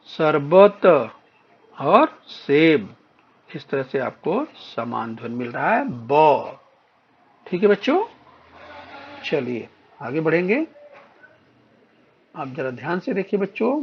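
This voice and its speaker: A man teaching young children a phonics lesson, drawing out and repeating each word slowly for them. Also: on the high side, slightly rough, lo-fi sound. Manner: slow, drawn-out repetition of words for children. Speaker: primary school teacher.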